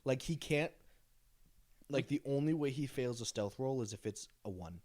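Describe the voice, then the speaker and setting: A young man co-hosting a casual podcast chat, excitable and boastful, swearing freely as he talks about the games he runs. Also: mid-range voice, normal speed. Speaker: podcast co-host and dungeon master.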